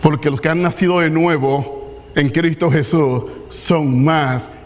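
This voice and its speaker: Man pastor preaching hard then going soft, high voice, long reverb in a big church. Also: unhurried, slight background noise. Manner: impassioned preaching that climbs to emphatic peaks, then drops to hushed appeals. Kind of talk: sermon. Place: large church sanctuary.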